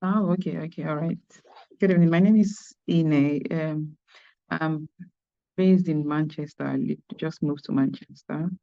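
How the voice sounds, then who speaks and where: A woman from Nigeria, introducing herself hesitantly and softly from an office over a video call. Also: low-pitched, fairly even intonation, a little slow, vocal fry. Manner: hesitant, many fillers, speaking softly. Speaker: workshop participant introducing herself. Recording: dull lo-fi video call audio.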